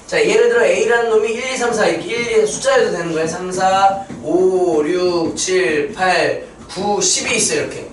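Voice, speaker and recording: A man's voice: high voice, moderate pace, few pauses, slight background noise. A man teaching a math lesson at a board, explaining step by step and quizzing his students with questions. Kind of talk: whiteboard math lecture. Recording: roomy echo, mic set far off.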